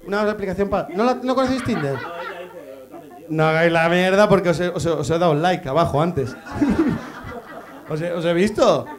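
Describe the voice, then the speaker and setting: A man's voice: high-pitched, moderate pace, pauses often. A man doing a stand-up comedy set on stage, teasing the audience with crude jokes and introducing the next comic.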